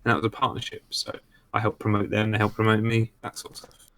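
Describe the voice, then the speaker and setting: A man's voice: on the low side, completely flat delivery, quick pace, a bit bright, dry recording. A man speaking as a guest over a voice chat, matter-of-fact, his voice sounding robotic through the digital line. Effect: robotic digital distortion from a voice-chat line. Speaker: stream guest. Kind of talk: casual call-in chat.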